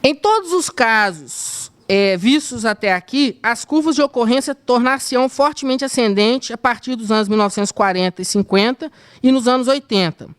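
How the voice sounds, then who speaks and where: A woman with a Brazilian Portuguese accent delivers an academic paper at a conference. Her voice sits fairly high and sounds smooth and clear. She reads in a measured way and breaks off now and then for hesitant asides. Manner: measured reading with hesitant asides to the slide operator. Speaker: university historian presenting a paper. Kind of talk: academic conference talk, reading a prepared paper.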